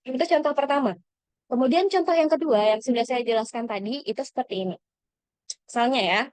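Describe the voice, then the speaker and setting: A woman's voice: a little high, brisk, a little mellow, no echo. A woman mentoring scholarship applicants in an online lesson, speaking encouragingly to the audience with frequent fillers and self-corrections.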